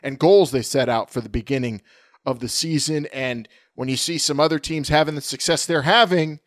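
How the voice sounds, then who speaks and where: A man co-hosting a casual sports podcast, energetic and chatty, running through questions and sponsor reads. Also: fairly high pitch, normal speed, dry recording, studio quality. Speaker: podcast co-host. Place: at home, remote recording.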